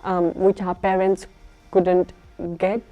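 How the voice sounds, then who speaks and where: A woman in her twenties from Nepal, a school teacher, giving measured, sincere interview answers. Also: on the low side, completely flat delivery, phone-quality sound, soft background music. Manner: measured, sincere, with filler pauses.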